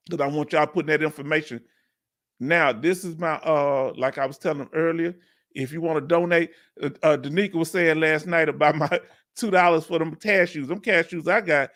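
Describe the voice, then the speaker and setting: A middle-aged man with a Houston, Texas accent hosts a casual live Q&A stream, laid-back and chatty, laughing often. His voice is a little high and fairly bright, and he moves at a moderate pace.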